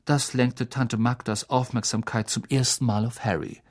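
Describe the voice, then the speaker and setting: A man narrating an audiobook in a lively, expressive storytelling manner. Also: mid-range voice, normal speed. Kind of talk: scripted narration.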